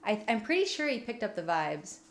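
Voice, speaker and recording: A woman livestreamer chatting casually with viewers in a playful, cutesy, giggly and animated way. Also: medium pitch, brisk. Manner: animated, expressive delivery. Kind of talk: casual live chat. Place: room at home.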